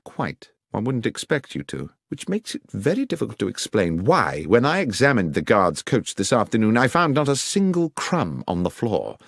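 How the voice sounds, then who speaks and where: A man voicing a sharp, commanding detective who speaks precisely and with authority. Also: on the low side, huge pitch swings, normal speed, vocal fry, few pauses, no echo, studio quality, full character voice. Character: sharp, commanding male detective, middle-aged.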